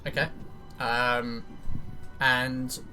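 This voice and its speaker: A man acting as game master, narrating and refereeing a tabletop roleplaying game in a halting way, rephrasing as he goes. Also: mid-range voice, little pitch movement, sharp tone, faint music behind. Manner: halting, often rephrasing mid-sentence.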